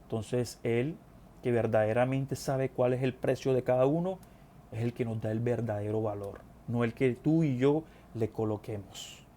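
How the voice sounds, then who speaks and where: A man's voice: mid-range voice, moderate pace, warm tone, slight background noise. A man preaching a sermon, reading scripture and speaking earnestly to his listeners, repeating phrases for emphasis. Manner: addresses brethren directly.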